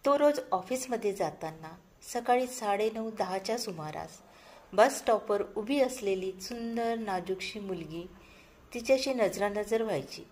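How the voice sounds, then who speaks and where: A woman storyteller narrating a short love story in an even, gentle reading style. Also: mid-range voice, a little slow.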